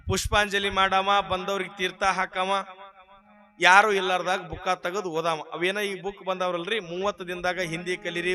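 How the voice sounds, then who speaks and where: Man, humorous sermon storytelling, very high voice, lively, talks straight to the audience. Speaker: preacher.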